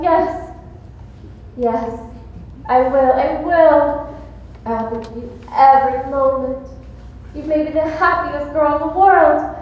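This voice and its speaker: A woman's voice: sits high, lo-fi sound. Woman playing a gushing, glamorous actress. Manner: theatrical, breathy swooning delivery. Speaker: stage actor. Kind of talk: live community stage play. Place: large auditorium stage. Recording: echoey hall, faint room noise.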